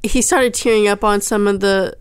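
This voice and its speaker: A young woman co-hosts a casual podcast, often filling her talk with "like." Her voice is smooth and clear at a middling pitch. The sound is dry and close. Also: steady tone, normal speed, dry recording. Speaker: podcast co-host.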